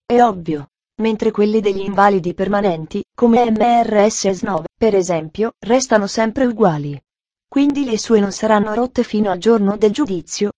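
A woman's voice: mid-range voice, warm tone, no echo, lo-fi sound, natural voice. A woman reading the part of a cheerful, talkative little girl in an audiobook, with an eager, earnest manner.

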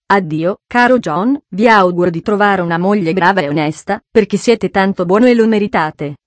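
Lady voicing a sweet modest young woman, soft and restrained, storybook reading, dry close sound. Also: medium pitch, normal speed, no echo, close to an everyday voice. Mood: gentle sorrowful.

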